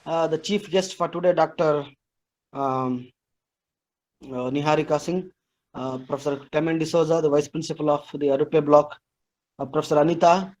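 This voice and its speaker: A man, a professor giving a formal, halting vote of thanks over a video call. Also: on the high side, steady tone, a little mellow, rough recording. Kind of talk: formal webinar speech.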